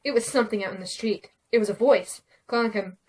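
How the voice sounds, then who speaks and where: A woman reading a spooky story aloud and chatting casually, giggling often and dropping to a hush for the suspenseful parts. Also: medium pitch, fast, breathy edge, recorded from a distance. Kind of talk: casual storytelling and vlog chat.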